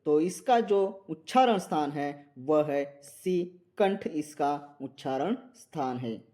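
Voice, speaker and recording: A man's voice: on the high side, lively intonation, takes it slowly, mellow. A man teaching Hindi exam questions, reading out the options and repeating each answer, drawing out letter sounds. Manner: reads options aloud, repeats answers, asks viewers to comment.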